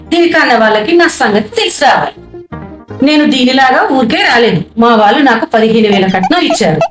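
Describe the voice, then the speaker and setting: A woman playing a spiteful, nagging older mother-in-law who scolds her daughter-in-law in shrill tones. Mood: grumbling. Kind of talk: amateur family comedy skit. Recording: echoey room with loud music.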